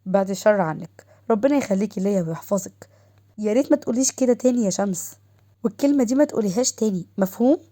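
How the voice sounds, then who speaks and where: A tender, devoted husband with an Egyptian accent, as a woman storyteller puts him on. He soothes in a mellow, quick-paced voice. A storybook narration. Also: mid-range voice, no echo, studio quality, natural voice. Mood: soothing. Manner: soothing, affectionate.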